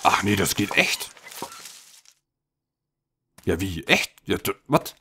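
A man's voice: deep voice, big pitch swings, slow, sharp tone, faint music behind. A man hosting a let's play, musing and thinking aloud with many hesitations as he plays. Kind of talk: casual gameplay commentary.

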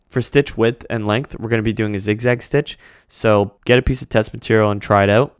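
Smooth low-voiced man explaining sewing steps. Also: dry recording, studio quality. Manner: casual, steady step-by-step explaining. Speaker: sewing tutorial host. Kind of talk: instructional voice-over. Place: home sewing studio, indoors. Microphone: studio mic on desk stand.

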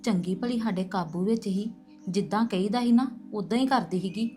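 A woman's voice: medium pitch, a little fast, mellow, soft background music, close to an everyday voice. An actress playing a middle-aged mother who complains and plots against her daughter-in-law. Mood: complaining. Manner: complaining, conspiratorial. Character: scheming middle-aged mother, worried and resentful. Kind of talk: web drama acting.

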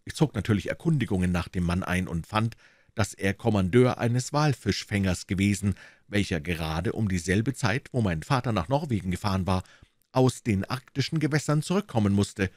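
A man's voice: fairly low pitch, expressive, normal speed, darkish tone, no echo, clean studio sound, lightly acted. A man voicing a nervous young man who explains himself to the police in a storybook reading. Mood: confessing.

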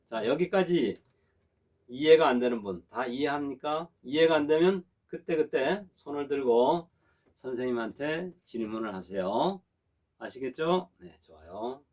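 A man performing a middle-aged language teacher giving a classroom lesson. His pitch sits in an ordinary middle range, and he talks with patient, repetitive care. He keeps checking that students understand and draws out model sentences slowly for them to copy. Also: lively intonation, darkish tone.

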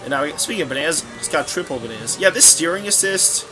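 A young man with a slightly high, animated voice talks fast while playing a racing game, rambling casually and often correcting himself mid-sentence. He comes across as a scatterbrained let's play commentator, with game music running underneath.

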